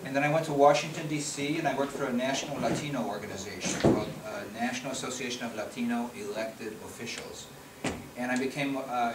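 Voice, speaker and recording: A middle-aged man from the Chicago area giving a conversational presentation with slides, often restarting and repeating words. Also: mid-range voice. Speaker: policy researcher giving a talk. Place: meeting room at a conference. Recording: echoey room from far off, noisy.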